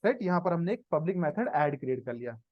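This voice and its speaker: A man's voice: fairly high pitch, very animated, quick pace, no echo. A man with an Indian accent teaching a live programming class, mixing Hindi and English and checking in with students. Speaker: programming instructor. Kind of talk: live coding lesson. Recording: dry, slightly dull online class audio.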